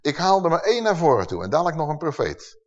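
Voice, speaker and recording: A man's voice: a little high, big pitch swings, fast talker. A man preaching a sermon, emphatic and full of rhetorical questions to his listeners. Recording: dull sound with long hall reverb.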